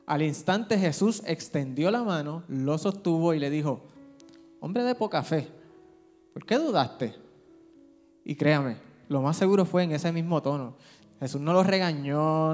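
A man preaching a sermon, his voice sitting a little high for a man as he keeps pressing rhetorical questions on the congregation. The sound carries a long reverb from a large church hall. Soft instrumental music plays faintly underneath. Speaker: pastor.

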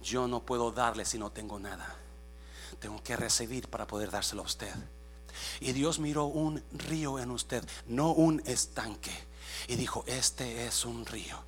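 A man preaching a sermon, mixing Spanish with English phrases, speaking directly to the congregation with many questions and swinging between hushed asides and shouted calls. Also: mid-range voice, unhurried. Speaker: pastor. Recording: faint mains hum.

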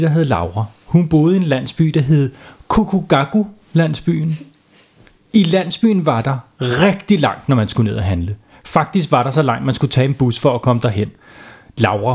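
A man's voice: mid-range voice, a little mellow, slightly rough. A man telling a bedtime story to children in a playful way, stopping to ask them questions.

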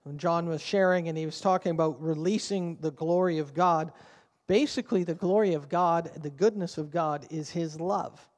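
Standing at a pulpit microphone in a church sanctuary, a pastor preaches a sermon in an earnest, conversational way. His voice is fairly high and moderately paced. Long church-hall reverb surrounds the recording.

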